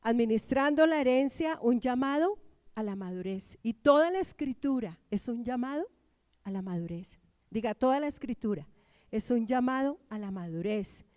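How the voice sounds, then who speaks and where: A woman pastor from Colombia preaches with emphatic rises and drops. Her voice sits high and is heard close and dry, with little room sound. She keeps prompting the congregation to repeat her lines. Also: expressive, moderate pace, a little mellow, no echo. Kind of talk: sermon. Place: church.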